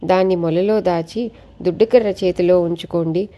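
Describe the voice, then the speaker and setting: A man's voice: sits high, steady tone, moderate pace, dark tone, lightly acted. A woman reading as a cowardly stingy merchant. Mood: pleading. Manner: nervous, pleading.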